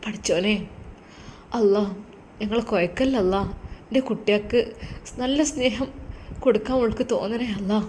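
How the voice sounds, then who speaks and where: This is a grieving, devout old mother speaking in a Malappuram Malayalam accent, played by a woman storyteller. She talks softly and tearfully, pleading with her son, in a voice of ordinary pitch for a woman. It is a storybook reading, not a full character performance. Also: normal speed, long pauses, a little hiss or hum, close to an everyday voice. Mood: prayerful.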